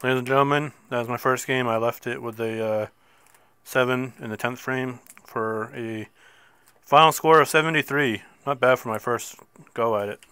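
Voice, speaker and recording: In a steady, medium-pitched voice that is sharp, clear and resonant, a gameplay video host with a stuffy nose chats at a moderate pace with no room sound. He plays a mobile bowling game casually, mocking himself and bursting out at each miss.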